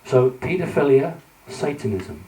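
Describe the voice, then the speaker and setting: Man, conference speaker, mellow tone, hesitant fillers, recorded from a distance in an echoey hall. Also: mid-range voice, big pitch swings, measured pace. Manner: earnest, hesitant with frequent fillers. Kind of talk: conference lecture with slides.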